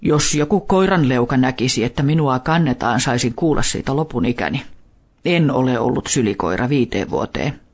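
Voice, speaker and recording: A man voicing a grumpy, wry old male dog in a storybook reading, with a husky, grumbling delivery. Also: mid-range voice, animated. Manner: grumbling, dry complaints.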